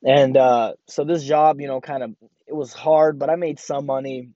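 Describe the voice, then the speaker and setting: A man's voice: mid-range voice, fairly even intonation, moderate pace, dark tone, dry recording, dull audio. A young man born in Ukraine, hosting a podcast and telling a personal story with many fillers and restarts. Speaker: podcast host.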